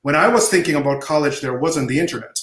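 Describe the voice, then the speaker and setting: A middle-aged man from Jamaica, a professor, answering interview questions over a video call with measured storytelling. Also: fairly high pitch, fairly bright tone. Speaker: guest professor. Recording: roomy video-call audio.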